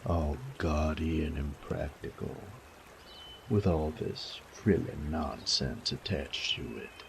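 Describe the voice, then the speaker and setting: For an intimate roleplay audio drama, a man voices a sadistic bandit, a cocky, teasing, menacing rogue, in a very deep, gravelly tone. He speaks in a slow, taunting drawl full of folksy, profane phrasing, sounding wry and complaining, and the performance is heavily acted. A little hiss or hum sits under the audio.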